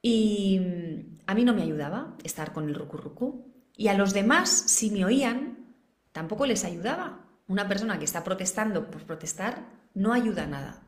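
Educadora de crianza española, tono de preguntas retóricas al público, sonido con mucha reverberación. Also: female voice, medium pitch, expressive, moderate pace. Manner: asks the audience many rhetorical questions. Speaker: parenting educator. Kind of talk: live online masterclass. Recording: roomy echo.

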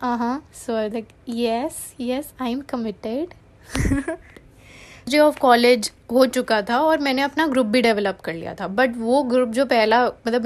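A young woman talks straight to her camera, recounting her college days in a breezy, chatty way. She slips easily between English and Hindi, and her voice sits fairly high. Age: young adult. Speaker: college student vlogger. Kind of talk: casual storytelling vlog.

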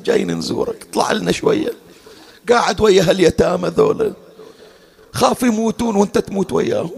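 High-voiced preacher chanting a lament. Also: male voice, gravelly. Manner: shifts from spoken storytelling into slow sung lament. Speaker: mourning preacher. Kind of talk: chanted mourning sermon.

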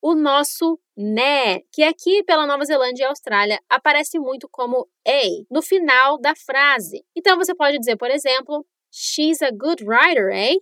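A woman hosting a bilingual English lesson podcast, speaking clearly and modeling phrases for listeners to repeat. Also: sits high, moderate pace, few pauses, bright, forceful tone, no echo, studio quality. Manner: clear, upbeat teacher modeling phrases for repetition. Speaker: English teacher, podcast host. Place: lives in New Zealand.

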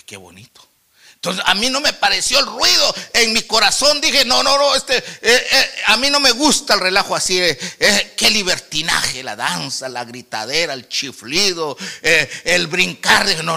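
A male preacher, gravelly and bright-toned, whose high voice leaps up and down as he preaches. He tells his testimony with acted-out quotes and calls the congregation "brother," rising to loud exhortation and then dropping to near-whispers. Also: animated, moderate pace. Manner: storytelling with quoted dialogue, swinging between loud exhortation and hushed asides; addresses listeners as "hermano". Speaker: pastor. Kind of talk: sermon.

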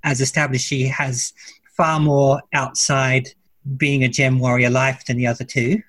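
A man co-hosting a casual fan discussion podcast, speaking in a measured, thoughtful way. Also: mid-range voice, flat delivery, a bit bright, dry recording. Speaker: podcast co-host.

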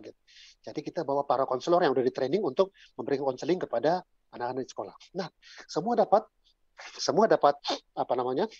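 A man's voice: on the high side, darkish tone, husky, no room sound. A male evangelist giving an informal, chatty sermon talk full of casual fillers, on a dull lo-fi recording. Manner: chatty, colloquial, frequent fillers.

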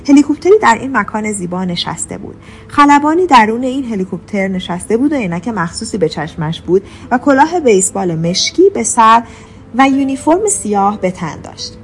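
A woman narrating an audiobook in an even, measured storytelling manner. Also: fairly high pitch, slight background noise. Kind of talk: scripted narration. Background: faint music.

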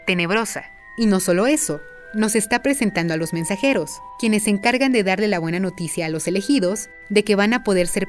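A woman presenting a music appreciation lesson, explaining film music clearly and addressing her viewers directly. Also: medium pitch. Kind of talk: scripted educational narration.

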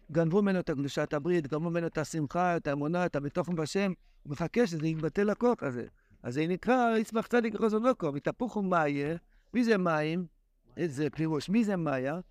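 A man's voice: a little high, darkish tone, no echo. A man teaching a daily religious text lesson in an impassioned way, with exclamatory sighs. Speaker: Torah teacher.

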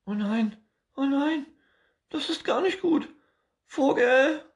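A man voicing an anxious, excitable little squirrel in a children's storybook, shrill and loud. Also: slow. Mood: panicked. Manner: shrill, frantic, loud exclaiming. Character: anxious excitable squirrel, male, small, frets.

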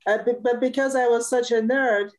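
A woman's voice: fairly high pitch, fairly even intonation, brisk, poor audio. A woman from Cameroon, a musician guest in a casual interview, talking cheerfully and laughing often.

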